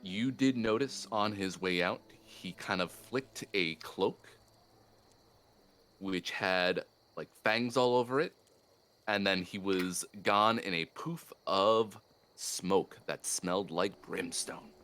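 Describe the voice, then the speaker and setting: A man's voice: deep voice, slow pace, fairly bright tone. A man acting as game master, recounting events to the players in a matter-of-fact way.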